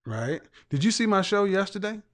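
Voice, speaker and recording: With a high, sing-song voice at normal speed, a livestream host who also works as an image consultant runs a casual chat. His talk is blunt and meandering, full of restarts and profanity.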